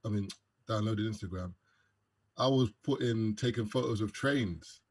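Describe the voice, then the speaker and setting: A young London man with a fairly low voice talks at a normal speed as a podcast guest. He's laid-back and jokey in this casual interview chat, packing his speech with fillers.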